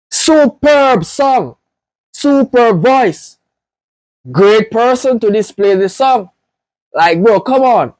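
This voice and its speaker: A man from Jamaica with a Jamaican accent, hosting a casual reaction video and gushing with excited praise as he talks to his viewers. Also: very high-pitched, dry recording.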